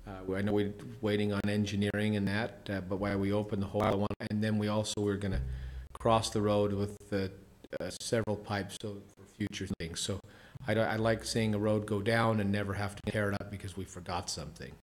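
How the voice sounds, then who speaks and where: A man chairing a county commission meeting, speaking in a procedural, halting manner. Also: fairly low pitch, level tone.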